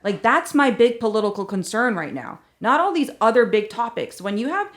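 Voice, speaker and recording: A woman's voice: a little high, big pitch swings, a little fast. A middle-aged American woman chatting casually as a podcast co-host, venting candidly and emphatically with rhetorical questions.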